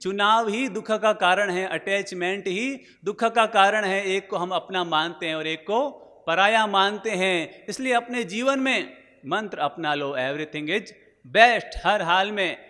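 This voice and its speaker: A man's voice: high-pitched, measured pace, bright, forceful tone. A male monk preaching a sermon, telling anecdotes and asking rhetorical questions. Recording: long hall reverb.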